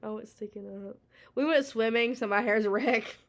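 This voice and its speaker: A woman's voice: on the high side, normal speed. A woman with a Southern US accent co-hosting a podcast in casual chat, brash and teasing and cursing freely. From South Carolina. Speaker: podcast co-host.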